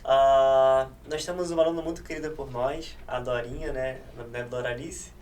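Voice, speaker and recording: A man's voice: medium pitch, steady tone, a little fast, a little mellow. Enthusiastic chatty man, distant mic. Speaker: podcast co-host, trainer. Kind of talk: casual podcast chat. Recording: distant mic with faint noise.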